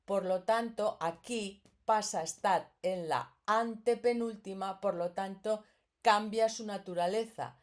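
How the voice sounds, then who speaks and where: A woman's voice: mid-range voice, a little slow. A woman teaching a grammar lesson, explaining patiently and often checking in with the listener.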